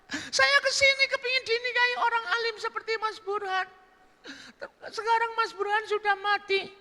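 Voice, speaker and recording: A man voicing a coy, teasing young woman in a high squeaky falsetto, in a joking sermon story. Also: little pitch movement, normal speed, sharp tone, heavily acted. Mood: coy, pleading. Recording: echoey hall.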